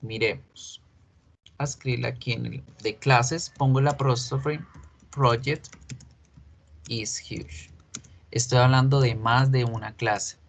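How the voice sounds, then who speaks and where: A man teaching an English grammar class online. He explains patiently, asks the students questions, and repeats example sentences slowly so they can copy the pronunciation. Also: medium pitch, steady tone, vocal fry, slight background noise, low-quality recording.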